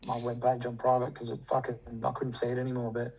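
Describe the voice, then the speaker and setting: A man's voice: mid-range voice, monotone, fast, creaky, a little mellow, husky, low-quality recording. A man chatting casually in a rambling, slangy, sweary way. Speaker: coaching client. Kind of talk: casual chat.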